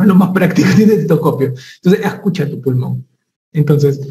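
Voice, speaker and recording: A man lecturing on medicine in a lively way, asking rhetorical questions and speaking straight to the student. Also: on the high side. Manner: animated, rhetorical questions, addresses student directly. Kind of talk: lively teaching talk. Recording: echoey room with faint noise.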